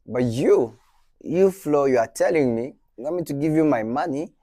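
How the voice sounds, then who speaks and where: Here a young adult man, French-speaking by birth and from Burundi, discusses venture capital with a slightly high voice at normal speed. Lively and animated, he acts out exchanges, sprinkling in plenty of "right?" checks.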